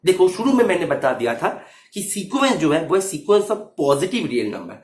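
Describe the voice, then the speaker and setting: Man, math tutor, high voice, very animated, keeps asking if it's clear, roomy echo. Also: moderate pace. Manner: checks understanding often; mixes English terms into Hindi. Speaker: math teacher. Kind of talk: explaining exam solution.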